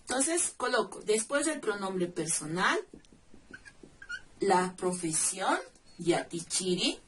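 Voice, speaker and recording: A woman language teacher in a slow, deliberate classroom explanation takes grammar step by step, patiently spelling out suffixes and checking in with the listener. Her mid-range voice is very animated and slow, picked up by a distant mic with faint background noise.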